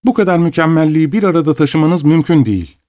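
A man voicing a mischievous young woman who speaks loudly and mockingly. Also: a little high, quick pace, voice pushed up, lightly acted. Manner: loud, mocking.

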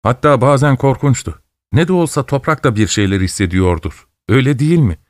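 A man reading the part of a cheerful, proud tunnel worker who talks gently and slowly. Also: medium pitch, animated, no echo, clean studio sound, close to an everyday voice. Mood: earnest.

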